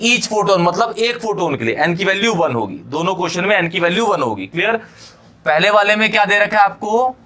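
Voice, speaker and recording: A male chemistry teacher giving an exam-prep lecture, often checking that students follow and repeating key phrases slowly for them to note down. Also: a little high, sharp tone. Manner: keeps checking understanding, addresses students fondly.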